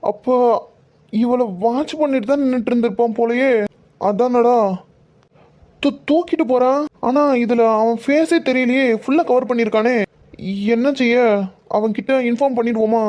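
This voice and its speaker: A man's voice: very high-pitched, steady tone, moderate pace, a little mellow, highs cut off. A man voicing a pushy investigating officer who talks down to staff and scolds impatiently. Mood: bossy. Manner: bossy, scolding.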